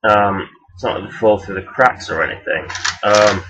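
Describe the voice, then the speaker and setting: A man's voice: lowish voice, normal speed, noisy background. A man giving a casual, rambling toy review in a hesitant, self-deprecating, blunt and sweary way. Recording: dull, lo-fi sound.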